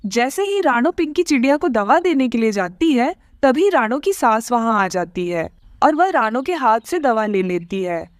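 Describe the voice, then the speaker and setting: Expressive woman storybook narrator. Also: on the high side, normal speed, dry recording, clean studio sound.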